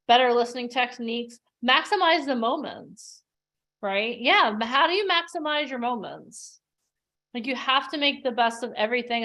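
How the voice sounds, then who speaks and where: Chatty playful woman host on a video call, kinda high voice. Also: a bit bright. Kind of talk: livestream workshop hosting.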